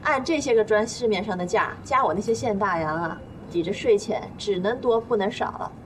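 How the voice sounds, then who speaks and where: An actress playing a fiery, combative peasant widow who shouts back at the men taking her goods, in a TV drama with loud music under it. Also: medium pitch, fairly quick, a little hiss or hum, lightly acted. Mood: scornful. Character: fierce feisty peasant widow, loud, foul-mouthed. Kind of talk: TV drama acting.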